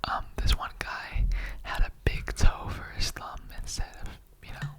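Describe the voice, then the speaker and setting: This whispered ASMR roleplay features a performer as a casual skeleton, mildly put out, who rambles on in loose, slangy conversation. The pace is a touch slow.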